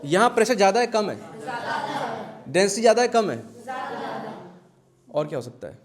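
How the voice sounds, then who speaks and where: An animated male science teacher runs a hands-on classroom demonstration. He talks in a fairly high voice, directs his students and fires quick questions at them. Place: school classroom.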